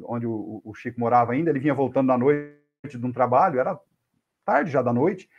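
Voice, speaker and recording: A man's voice: medium pitch, brisk, highs cut off, faint music behind. A Brazilian Portuguese-speaking man giving an earnest devotional talk, often checking in with the audience. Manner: earnest storytelling, frequent "né?" checks. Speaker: spiritist lecturer.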